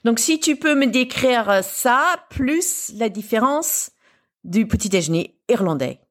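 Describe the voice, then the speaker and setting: Hosting a French-language podcast interview, this British woman, a native English speaker, stays chatty and upbeat and laughs often. She speaks unhurriedly in a voice on the high side with lively intonation.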